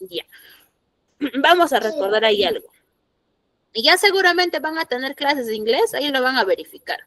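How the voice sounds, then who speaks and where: A woman's voice: high voice, lively intonation, moderate pace, a bit bright, dry recording. A woman teacher, explaining grammar rules and asking her students questions. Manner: explanatory, asks the class questions. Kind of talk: classroom lesson to students.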